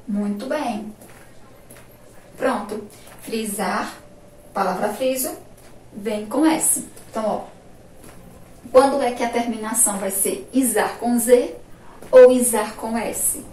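A woman's voice: fairly high pitch, takes it slowly, long pauses, warm tone. A woman teacher from Sergipe in Brazil giving a remote lesson to primary pupils, drawing out words, asking questions and praising the answers. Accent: Brazilian Portuguese, Sergipe. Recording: echoey room, voice from far off, faint noise.

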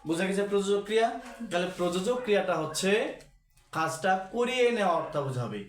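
A man's voice: high-pitched, big pitch swings, fast. A man teaching a grammar lesson to a class, asking questions and repeating the key terms. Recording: echoey room.

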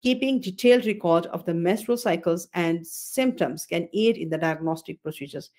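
An obstetrician in her fifties delivers a slide-based webinar lecture on a video call through her computer microphone. At a moderate pace, her voice is fairly low and darkish in tone, and she keeps repeating phrases and correcting herself with fillers.

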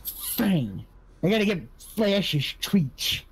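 A man playing a bumbling, indignant sheriff in game roleplay, with a husky, cracking voice. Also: high voice, very animated, takes it slowly, heavily acted. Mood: threatening, indignant. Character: excitable, bumbling, indignant Southern male sheriff. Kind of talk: improvised online game roleplay.

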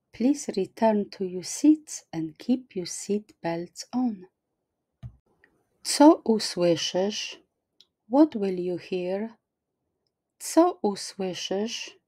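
A middle-aged woman teaching language, repeating each phrase slowly and clearly, at home on a webcam. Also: mid-range voice, dark tone. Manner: slow, careful, clearly articulated repetition. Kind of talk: extra slow language lesson, repeating phrases.

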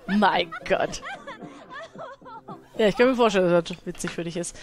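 A woman's voice: fairly low pitch, normal speed, a little hiss or hum. A woman giving casual let's play commentary, chatting to her game characters and laughing often.

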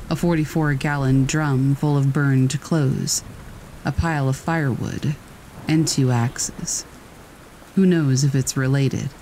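A man reading first-person scary stories aloud in a steady, measured storytelling voice. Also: medium pitch, a little hiss or hum, rough recording. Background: rain.

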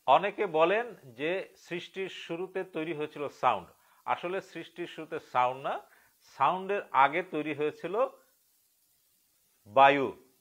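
Slow, deliberate male meditation teacher. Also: on the high side, expressive, fairly bright tone. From Bangladesh. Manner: slow and deliberate, drawing out key words, asking the listeners questions. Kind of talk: live-streamed spiritual lecture.

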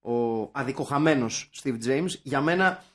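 A young man from Greece co-hosting a podcast, chatting casually with animated, jokey rants and swearing. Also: medium pitch. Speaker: podcast co-host. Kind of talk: casual chat.

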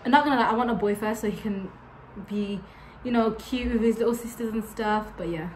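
A woman's voice: fairly high pitch, fairly quick, slight background noise. Giggly, teasing eighteen-year-old woman. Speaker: vlogger hosting a Q&A. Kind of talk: casual chat. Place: home kitchen, indoors.

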